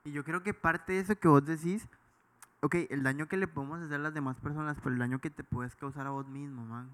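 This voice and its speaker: A man whose voice sits a little high. He speaks in a reflective, conversational way during a casual faith chat, often turning to his listeners to ask if they follow. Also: steady tone, fast, fairly bright tone. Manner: reflective, conversational, asks "¿me entendés?".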